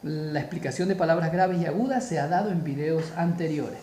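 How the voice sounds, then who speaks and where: A man teaching a spoken grammar lesson, slow and deliberate, repeating key terms for emphasis. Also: a little high, dark tone, reverberant, a little hiss or hum.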